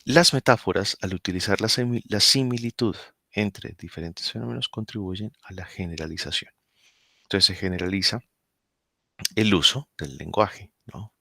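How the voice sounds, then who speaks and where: A man's voice: deep voice, moderate pace, gravelly, pushed and bright, no echo, studio quality. A man presenting a topic to a study group, explaining step by step while thinking aloud and often checking in with the listeners. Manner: thinking aloud with fillers and restarts, asks "¿no?". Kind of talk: explanatory lecture.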